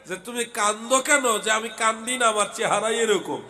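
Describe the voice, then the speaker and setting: A hoarse man from Bangladesh, a preacher delivering a heated waz sermon at a religious gathering, often raising his voice. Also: sits high, moderate pace. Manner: loud, heated, swings into shouting. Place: outdoor religious gathering stage.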